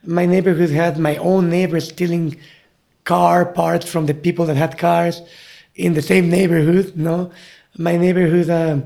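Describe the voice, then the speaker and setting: A man's voice: a little high, vocal fry, a little mellow. A man from Mexico City with a Mexican Spanish accent, a native Spanish speaker and guide, talking reflectively and searching for words in an interview.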